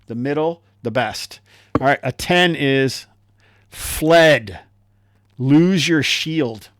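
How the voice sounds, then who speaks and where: A man's voice: mid-range voice, drawn-out words, fairly bright tone, no echo, studio quality. A man running a live tabletop game as game master, explaining rules in a chatty way with lots of fillers.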